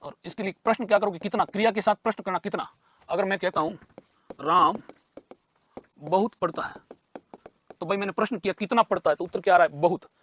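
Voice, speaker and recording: A man's voice: high voice, a little fast, pauses often, a bit bright, a little hiss or hum. A man teaching a grammar lesson for exam prep. He asks questions and answers them himself, and he repeats key terms.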